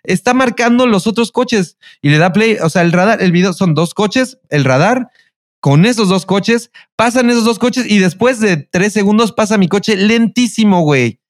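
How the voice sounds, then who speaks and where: A man with a Mexican Spanish accent tells his story in a casual, foul-mouthed way, acting out each side of the exchange. His voice sits high for a man. The sound is close and dry, with no room echo. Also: normal speed. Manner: profane, animated retelling with acted-out quotes. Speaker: podcast host.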